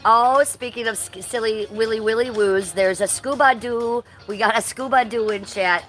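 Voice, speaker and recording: Greeting viewers by name in a playful way, a woman in her fifties streams live from her front yard with soft music playing and roofers faintly audible nearby. Her somewhat high, slightly bright voice moves at a normal speed over a rough recording.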